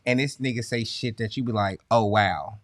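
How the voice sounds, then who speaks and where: A man telling stories in casual podcast chat, animated and full of profane slang. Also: mid-range voice, brisk, dry recording. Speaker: podcast co-host.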